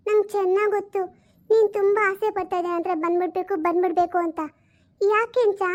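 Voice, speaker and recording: A woman voicing the gentle, sorrowful ghost of a dead wife who speaks unseen, pleading slowly and tenderly. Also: very high voice. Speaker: spirit speaking unseen to her husband.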